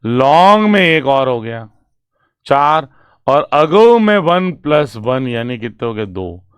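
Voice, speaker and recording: Male literature tutor, clear, crisp voice, dry close sound, slow and deliberate, quizzing students as he writes on the board. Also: mid-range voice, sing-song, no room sound. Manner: reads English lines slowly and emphatically, then explains in Hindi; asks students check questions, writes on a board. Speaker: English literature teacher. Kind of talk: exam-prep poetry lecture mixing Hindi and English.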